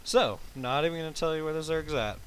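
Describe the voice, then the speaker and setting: A man's voice: a little high, quick pace, slight background noise. A tired man giving laid-back, rambling gameplay commentary, swearing casually as he explains his moves. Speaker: game commentator.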